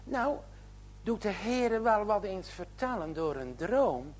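A man's voice: sits high, sing-song, slow pace, slight background noise, voice pushed up, full character voice. A man voicing a frightened, pious six-year-old boy who pleads anxiously and tearfully. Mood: timid questioning.

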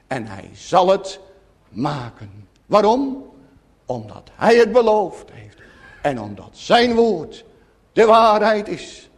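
A male preacher delivers a sermon in an earnest, solemn tone. He speaks slowly, letting long pauses sit between phrases. His voice sits somewhat high for a man. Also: big pitch swings.

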